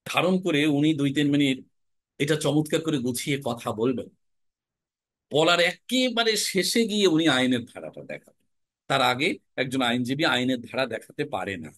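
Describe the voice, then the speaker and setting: A young man from Bangladesh teaching a class on recitation and speech, lively and animated, often dropping into regional dialect examples. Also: medium pitch, moderate pace, dry recording. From Jhenaidah, Bangladesh. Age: young adult. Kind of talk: classroom lecture.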